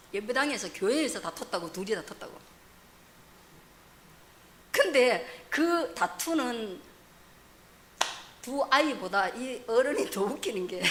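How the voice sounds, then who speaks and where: A woman pastor preaching a sermon, asking rhetorical questions, rising loud and dropping to soft asides. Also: on the high side.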